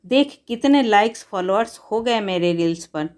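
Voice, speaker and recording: A woman's voice: mid-range voice, lively intonation, normal speed, a little mellow, close to an everyday voice. A woman reading as a mother hooked on likes. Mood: boastful. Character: mother chasing online likes, later remorseful.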